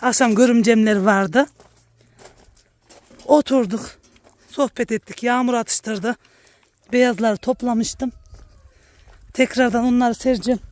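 A woman vlogging about her village life, chatting warmly with her viewers and calling out to her animals in a high coaxing voice outdoors. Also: steady tone, slow pace, pauses often, dry recording. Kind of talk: casual vlog narration to viewers. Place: outdoors at a village farmyard and garden.

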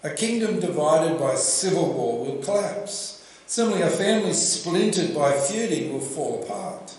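An older Australian man preaching a sermon at a church lectern, telling the story in a lively way and asking the congregation questions. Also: fairly high pitch, normal speed. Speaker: pastor. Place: church hall with projection screen. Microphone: lectern microphone. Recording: very echoey church room.

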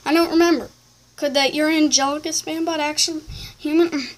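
High female voice, casual comment read-aloud, halting, rambling, off-the-cuff replies. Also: steady tone. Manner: halting, rambling delivery with self-corrections. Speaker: video creator reading viewer comments aloud.

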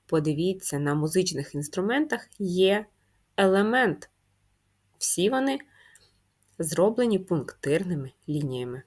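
A woman teaches young children to write a letter. She speaks in a low voice at a very slow, patient pace. She asks questions and answers them herself. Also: expressive, darkish tone. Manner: patient, drawn-out, answers her own questions. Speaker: primary school teacher. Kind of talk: slow, clearly spelled-out handwriting lesson.

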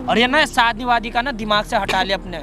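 A man's voice: very high voice, steady tone, fairly quick, a crowd in the background. A young man playing an arrogant rich young man in a park who insults and threatens in a dismissive manner. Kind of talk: staged street drama. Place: outdoor park.

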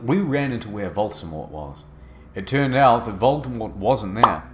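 A man's voice: on the low side, animated, moderate pace, heavy background noise. A man narrating a comedic dramatic reading of fan fiction, with a mock-serious, overwrought delivery.

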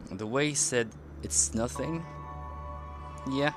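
A game streamer, a man with a medium-pitched voice, speaks slowly while giving playful, casual commentary on his gameplay. He chats along, reacting to the characters and echoing their lines, with video game music playing beneath his voice.

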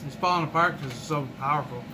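Man chewing mid-sentence, mouth full. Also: on the high side. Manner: chatty, unhurried, trailing pauses between short phrases. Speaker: food vlogger. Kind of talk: casual food review vlog. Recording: noisy room with air conditioning hum.

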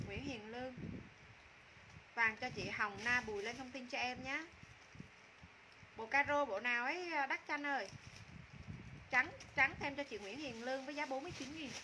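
Woman in her 30s doing live shop sales chat, high voice, repeats her pitch, noisy room on a phone mic. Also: moderate pace, long pauses. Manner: repetitive, informal sales patter. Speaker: live-stream clothing seller. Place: small indoor room with curtains.

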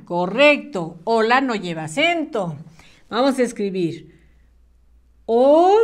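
A woman teaching a children's spelling lesson, patient and sing-song, using diminutives. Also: on the high side. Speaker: primary school teacher.

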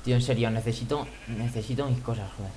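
A man's voice: mid-range voice, fairly even intonation, fast, dark tone, a little hiss or hum. A man playing a game with a friend, panicky and exclamatory, often crying out and swearing. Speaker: gamer co-player. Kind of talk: casual gameplay commentary.

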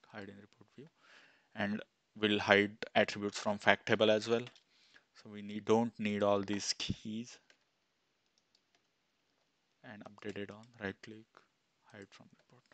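Man, 30s, instructor, flat delivery, headset mic, dry small room. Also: on the low side, no room sound. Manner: plain step-by-step, thinking aloud with fillers. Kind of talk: screen-recorded software tutorial.

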